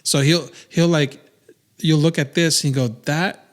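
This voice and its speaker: A man's voice: on the high side, fairly even intonation, unhurried. A man in his thirties co-hosting a podcast in casual chat, rambling with many restarts and fillers. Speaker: podcast co-host.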